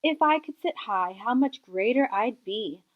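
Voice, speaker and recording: A woman's voice: fairly high pitch, animated, measured pace, narrow, tinny audio. A woman voicing a pompous, greedy turtle king in a children's storybook, boastful and imperious. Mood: discontented, scheming. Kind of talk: children's storybook read-aloud.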